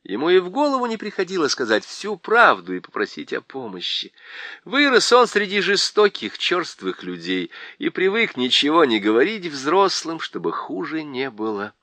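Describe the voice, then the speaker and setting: A man narrating a storybook in a dramatic, expressive reading. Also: a little high, normal speed, dry recording. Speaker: audiobook narrator.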